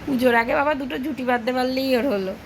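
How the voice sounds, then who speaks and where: A woman in her thirties with a Kolkata Bengali accent, chatting casually at home for her vlog about her baby, her voice a little hoarse. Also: high voice, rapid-fire. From West Bengal, India. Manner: chatty, sing-song with her child. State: hoarse from shouting. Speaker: vlogger and mother. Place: home, indoors. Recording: noisy home phone recording.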